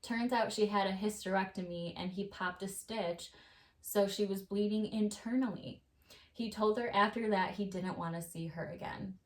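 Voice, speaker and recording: Animated, swearing woman telling stories. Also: mid-range voice, normal speed. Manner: animated storyteller, swears freely. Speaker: podcast co-host; mother. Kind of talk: casual chat.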